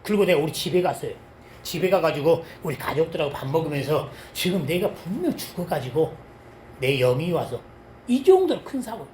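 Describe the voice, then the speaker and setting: A middle-aged man, a pastor, giving a sermon with a personal testimony, telling it in an animated way with sudden loud bursts and low asides. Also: fairly quick, a little hiss or hum. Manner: animated storytelling, swinging between loud exclamations and low asides. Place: church sanctuary. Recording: echoey church hall.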